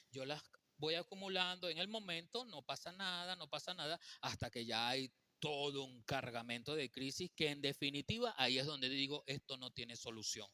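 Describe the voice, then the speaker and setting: A man's voice: fairly high pitch, pushed and bright, no echo. A man giving a faith-based teaching talk on marriage, speaking emphatically and often checking in with his listeners.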